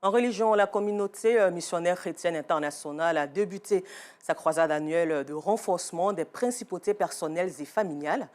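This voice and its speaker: A woman's voice: lowish voice, darkish tone. Ivorian woman anchoring the evening news. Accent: Ivorian French. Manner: measured, with frequent hesitations. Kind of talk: read news presentation.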